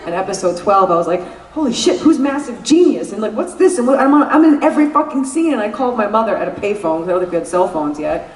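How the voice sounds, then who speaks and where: Very animated and talking fast, a woman with a mid-range voice and a New York accent laughs and swears her way through a candid convention interview as the guest actress. The mic is far off in an echoey room.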